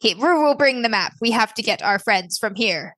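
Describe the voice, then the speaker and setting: A woman's voice: fairly high pitch, animated, brisk, a bit bright, dry recording. A woman playing a tabletop game, mixing casual role-play with table talk.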